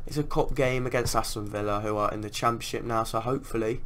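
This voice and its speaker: A man's voice: medium pitch, fairly even intonation, fast talker, a bit bright. A man giving casual commentary on a video game as he plays. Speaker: gaming video creator.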